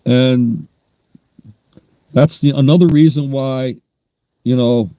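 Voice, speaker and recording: A man's voice: mid-range voice, steady tone, takes it slowly, warm tone, clear, resonant tone, dry recording. A man, chatting bluntly and rambling on a livestream. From New York. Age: 60s. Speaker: livestream host. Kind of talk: casual livestream chat.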